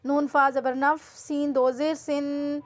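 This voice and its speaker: A woman teaching Quran reading, spelling out syllables slowly and dragging them out, then giving quick explanations in a Pakistani Urdu accent. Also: high-pitched, flat delivery. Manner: slow drawn-out syllables, brisk asides.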